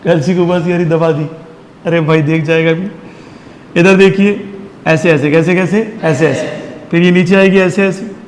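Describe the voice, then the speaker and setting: High-voiced man teaching in an echoing hall. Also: fairly even intonation, unhurried, slight background noise. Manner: call-and-response questioning, drills answers with repeated questions; mixes Hindi with English terms. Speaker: science teacher. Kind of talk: classroom physics lesson. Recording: long reverb in a hall.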